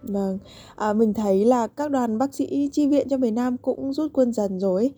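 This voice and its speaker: A woman radio host with a mellow, slightly husky voice, moving between scripted narration and polite, measured interview questions. Her pitch sits a little high, and soft music plays faintly behind her.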